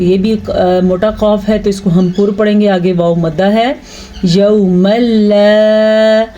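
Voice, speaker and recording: A woman teaching Quran recitation rules, explaining patiently, often checking understanding and breaking into slow, drawn-out recitation to demonstrate. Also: medium pitch, mellow. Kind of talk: explanatory tajweed lesson.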